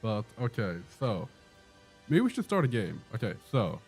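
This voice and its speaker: Speaking at normal speed with huge swings in pitch, a lowish-voiced man from Sweden streams live gameplay, chatting, joking, and fielding questions from chat. He has a Swedish accent, sits in an indoor room with a door, and soft music plays behind him.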